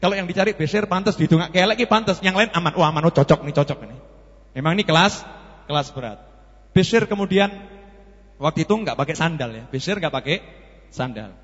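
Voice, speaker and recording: A man with a Javanese accent preaching a sermon, animated and telling stories, acting out the dialogue as he goes. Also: fairly high pitch, a little fast, breathy edge. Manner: animated, acts out dialogue in the story, mixes in Javanese. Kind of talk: sermon with storytelling. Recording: lo-fi echoey hall.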